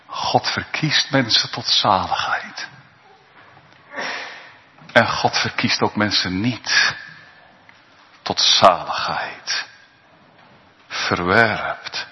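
Slow, earnest pastor preaching in a church. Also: male voice, lowish voice, animated. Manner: slow, earnest preaching with rising pleading climaxes. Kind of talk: sermon. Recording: long reverb, dull sound in a church.

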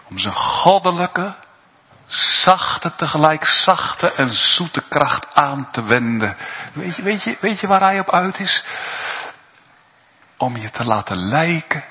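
A man preaching a sermon as pastor, swinging from soft, slow words to loud, urgent pleading. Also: a little high, sing-song, slightly rough, lo-fi sound. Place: church. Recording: long church reverb.

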